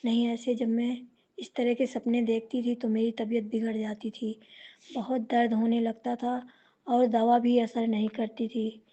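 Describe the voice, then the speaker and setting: Woman sharing devotional testimony, slow n reverent, chants mantras, muffled lo-fi sound. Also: on the high side, level tone, warm tone.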